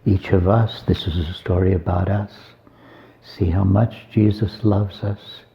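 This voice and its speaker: A man's voice: low voice, steady tone, a little slow, gravelly, muffled recording. A man, an abbot, giving an informal homily on a Gospel reading, conversational and folksy, with joking asides.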